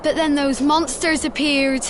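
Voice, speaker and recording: A woman's voice: high-pitched, steady tone, measured pace, a little hiss or hum. A timid stammering game boy. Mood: sheepish. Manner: stammering, apologetic. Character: timid young boy caught misbehaving.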